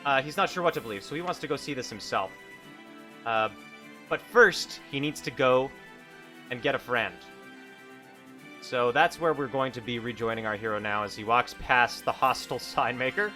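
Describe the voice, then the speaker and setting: A hungover man improvising casual narration as a solo game master, halting and correcting himself as he goes. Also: mid-range voice, bright, forceful tone, soft background music.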